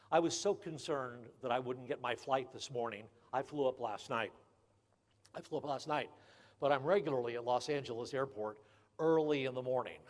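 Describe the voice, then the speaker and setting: An older man giving a humorous graduation speech, folksy and emphatic, often repeating key phrases. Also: medium pitch. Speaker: graduation speaker. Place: large ceremony hall. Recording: long hall reverb.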